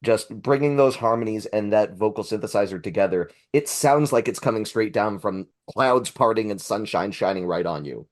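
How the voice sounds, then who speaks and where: A man's voice: lowish voice, moderate pace, hardly any pauses. A man talking about music in casual discussion, earnest and effusive in his praise.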